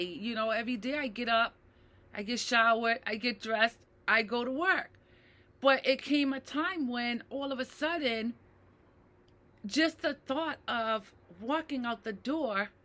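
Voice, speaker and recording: A woman's voice: sits high, bright, forceful tone. A middle-aged woman, a mental health advocate, speaking emotionally and personally to her viewers, with many fillers and tag questions. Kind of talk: personal talk to camera.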